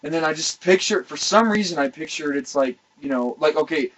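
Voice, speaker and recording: Young man, high lively voice, rambling and swearing through a story. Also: fairly quick, rough recording. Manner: rambling, laughing, profane. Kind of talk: casual storytelling among friends.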